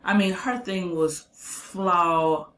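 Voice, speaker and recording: A woman's voice: on the low side, slow, a bit bright, roomy sound, low-quality recording. A woman giving casual commentary on a clip, chatty, quizzing the viewer and listing traits.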